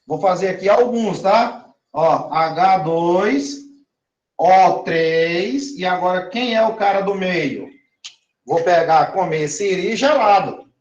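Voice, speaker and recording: A man's voice: high-pitched, animated, slow, dull audio. A man teaching chemistry, drawing out words and often checking that his listeners follow. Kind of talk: recorded classroom lesson. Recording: echoey room.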